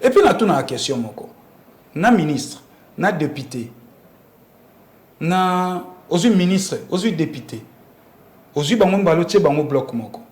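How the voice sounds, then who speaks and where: His voice is a little high and very animated, at a moderate pace with frequent pauses, in a reverberant setting. A Congolese-accented man, he's an interview guest explaining politics emphatically and posing rhetorical questions.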